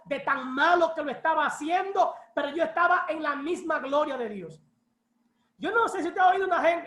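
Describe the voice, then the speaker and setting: A woman pastor preaching a personal testimony in a church, telling stories in a lively way and acting out what people said. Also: high-pitched. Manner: lively storytelling, acts out quoted voices. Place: church hall. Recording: echoey church room.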